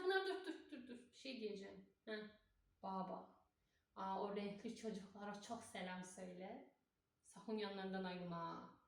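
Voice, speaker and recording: A woman playing a chatty, gossipy middle-aged cleaning lady, in a comic stage monologue. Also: on the high side. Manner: chatty, folksy, sprinkles exclamations. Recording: echoey room, voice far from mic.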